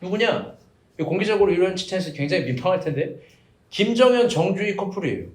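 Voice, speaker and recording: A man preaches in a small church, his very high voice swinging up and down as he jokes and questions the congregation. The room around him rings with a roomy echo. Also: fast talker. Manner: animated, jokey storytelling with questions to the congregation. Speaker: evangelist pastor. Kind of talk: sermon.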